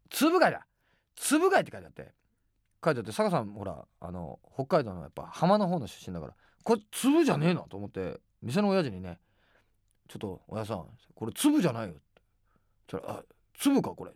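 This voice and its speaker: Animated, fast-talking middle-aged man. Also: no room sound, studio quality. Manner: animated, acts out quoted dialogue with big pitch jumps; rough casual speech with many fillers. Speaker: radio host. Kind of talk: casual rambling anecdotes.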